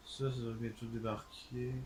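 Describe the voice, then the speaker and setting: A gaming channel host with a Québécois French accent comments on the game he's playing in a let's play, thinking aloud hesitantly and filling gaps with lots of fillers. His mid-range voice stays fairly level at a normal speed, with background noise present.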